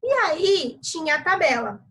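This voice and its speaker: A woman's voice: very high voice, very animated, measured pace, a bit bright, rough recording. A Brazilian woman teacher giving a recorded online lesson, explaining step by step and checking in with frequent tag questions. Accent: Brazilian Portuguese. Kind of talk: recorded online class lecture.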